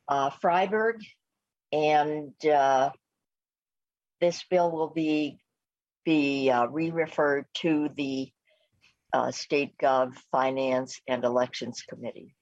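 An American woman chairing a remote meeting, speaking formally and procedurally with a halting, hesitant delivery. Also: low-pitched, a little mellow, no room sound. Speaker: committee chair. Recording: muffled lo-fi remote meeting audio.

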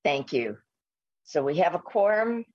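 An American woman chairing a remote meeting, speaking formally and procedurally with a halting, hesitant delivery. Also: fairly low pitch, big pitch swings, no echo. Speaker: committee chair. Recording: muffled lo-fi remote meeting audio.

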